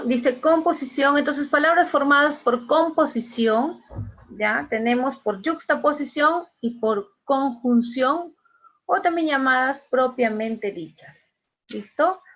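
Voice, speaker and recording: A woman teacher giving an online class, speaking slowly, repeating key phrases and checking in with her students. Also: fairly high pitch, fairly bright tone. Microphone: video call. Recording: dull lo-fi video call audio.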